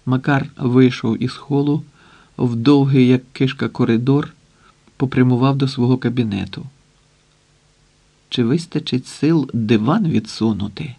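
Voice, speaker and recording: A man narrating an audiobook in a steady, even reading voice. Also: medium pitch, measured pace, gravelly, husky. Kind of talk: scripted narration.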